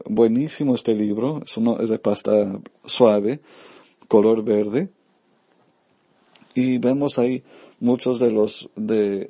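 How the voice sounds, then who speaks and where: Mellow, low-voiced priest, halting and unhurried. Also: male voice, creaky, slightly rough, dry recording. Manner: halting, many filler sounds and self-corrections. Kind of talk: informal devotional talk.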